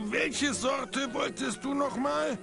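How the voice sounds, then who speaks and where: An actor playing a scrawny, boastful, wheezy snow cone vendor in a cartoon adventure game. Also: male voice, very high voice, vocal fry, exaggerated voice. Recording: game music behind.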